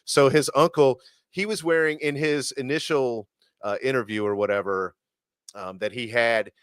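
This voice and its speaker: A man's voice: mid-range voice, fairly even intonation, moderate pace, fairly bright tone, clear, resonant tone, dry recording, clean studio sound. A man co-hosting a casual sports podcast, talking in an enthusiastic, chatty way and sometimes searching for words. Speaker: podcast co-host.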